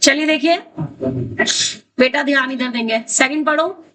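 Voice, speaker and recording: A woman math teacher leads a class in a high voice, repeating each question until a student answers. She sits a little back from the microphone, and a faint hiss runs under her words. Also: a bit bright. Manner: brisk, repeats questions, calls on students by name. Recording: distant mic with faint noise.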